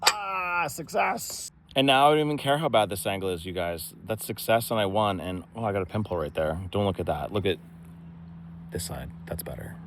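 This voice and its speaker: Filmed on a handheld phone beside a pickup truck on wet grass, this DIY vlogger chats with viewers in a low, expressive voice, talking a little fast. He grumbles good-naturedly while working outdoors for his casual how-to vlog, and the recording carries a slight hiss or hum.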